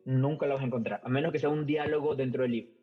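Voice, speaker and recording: A man's voice: medium pitch, steady tone, fast talker. A middle-aged man from Ecuador with an Ecuadorian Spanish accent, talking casually as a podcast guest, hesitant, with many fillers and repeated words. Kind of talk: casual conversational storytelling. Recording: muffled lo-fi podcast audio, faint music.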